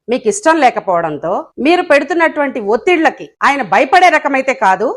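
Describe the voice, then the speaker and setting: A woman's voice: a little high, fairly bright tone. A woman giving a combative press statement as a local political leader, fiery and sarcastic, scolding with rhetorical questions.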